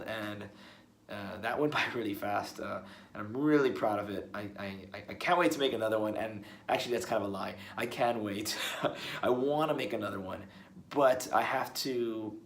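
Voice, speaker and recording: Rambling low-voiced man, roomy sound. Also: a little hiss or hum. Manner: rambling, restarts words often. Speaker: musician vlogger. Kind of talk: casual one-take video blog. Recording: roomy with faint ambience.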